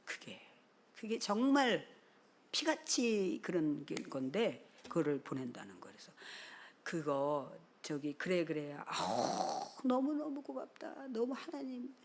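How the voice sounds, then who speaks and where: A middle-aged woman pastor preaching a sermon, telling stories with lively acted-out dialogue, sometimes dropping to a whisper and then rising loud. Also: lowish voice, unhurried, slight background noise. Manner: animated storytelling, acts out dialogue, drops to a whisper and then bursts loud.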